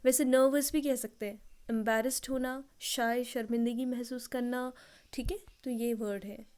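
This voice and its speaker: Woman, vocabulary teacher, patient classroom explaining, voice a touch high, Hindi with English examples. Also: steady tone, normal speed, a little mellow, clean tone. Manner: explains in Hindi with English example sentences, checks understanding often. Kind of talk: classroom-style vocabulary lesson.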